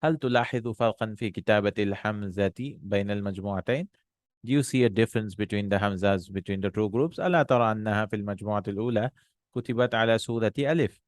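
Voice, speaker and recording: Quick readings of Arabic lines alternate with slow translations and explanations, broken by many pauses and restarts, as a man teaches a textbook lesson. His voice is mid-range, with no room sound in the recording.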